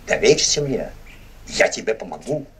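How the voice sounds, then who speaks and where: An actor playing a sly old Maghrebi sorcerer posing as a loving uncle, theatrical and grandly commanding, in a fairy-tale film. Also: male voice, fairly low pitch, sing-song, moderate pace, loud music behind the voice. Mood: grandly persuasive. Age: older. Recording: noisy vintage 1960s film soundtrack.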